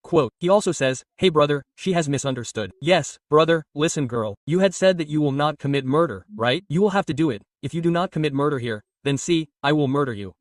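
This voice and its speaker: A man's voice: a little high, lively intonation, a little fast, few pauses, no echo, studio quality, distant mic. A man narrating a comic story recap, reading all the characters' lines in his own narrating voice.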